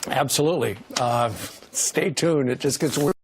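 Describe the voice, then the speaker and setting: A man's voice: medium pitch, normal speed, a little hiss or hum. A male TV news host leading a morning interview, asking leading questions and chiming in to agree.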